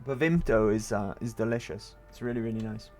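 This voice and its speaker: A Welsh man with a Welsh accent chats casually with his viewers while streaming a game, rambling and answering chat. His voice is lowish, a little fast and a little mellow, with soft music in the background.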